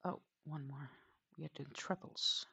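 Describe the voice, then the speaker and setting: A woman hosts a crochet livestream, chatting and rambling with lots of ums while half-muttering her stitch counts as she works. Her low voice is gravelly, sharp and slightly rough, with fairly even intonation and a measured pace. The recording is dry.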